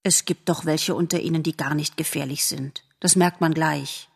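A woman reading an audiobook aloud, voicing a gentle mother forest animal who speaks calmly and reassuringly. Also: deep voice, normal speed, vocal fry, husky, exaggerated voice. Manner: calm, reassuring.

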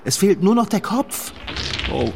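Ein Mann spricht einen ängstlichen, schreckhaften Begleiter in einem Hörspiel. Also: male voice, sits high, sing-song, a little slow, gravelly, noisy background, heavily acted. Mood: anxious. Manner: anxious, easily startled. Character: timid, jumpy male sidekick.

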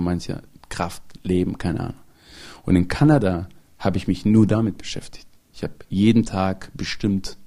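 Male comedian, lower register, casual storyteller who voices the people he quotes. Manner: animated, acts out quoted people; laughs often while telling.

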